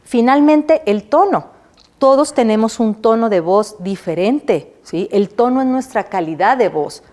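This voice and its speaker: Recording an online lesson, a middle-aged woman who lectures at a university asks questions and answers them herself, often tossing in a brief "right?". She speaks on the high side with lively intonation and a darkish tone.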